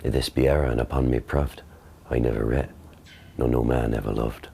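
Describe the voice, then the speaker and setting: A man reciting Shakespearean English verse in a measured, declaimed way. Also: rumbling low, fairly even intonation, gravelly, mellow, slight background noise. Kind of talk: demonstrating Shakespeare verse in original and modern pronunciation.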